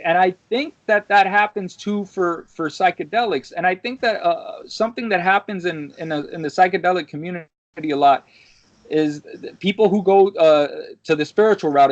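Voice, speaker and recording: A man's voice: high-pitched, no echo. Young man, dry dull-sounding podcast mic. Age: 20s. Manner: rambling, with frequent "right?" tags and casual swearing. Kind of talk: casual podcast conversation.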